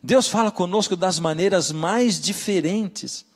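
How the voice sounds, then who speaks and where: A man's voice: high voice, unhurried. A man, a pastor preaching a sermon, telling stories and addressing listeners directly. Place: church. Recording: reverberant church hall.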